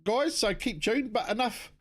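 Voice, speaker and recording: A man's voice: extremely high pitch, expressive, normal speed. A man with a New Zealand accent co-hosting a casual live show in an informal, rambling way. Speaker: co-host.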